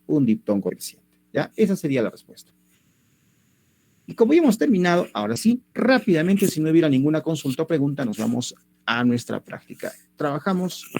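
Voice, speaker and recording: This male teacher's medium-pitched, mellow voice comes through a computer mic with no echo as he gives an online language lesson. Patient and methodical, he moves one step at a time and repeatedly makes sure his students are following.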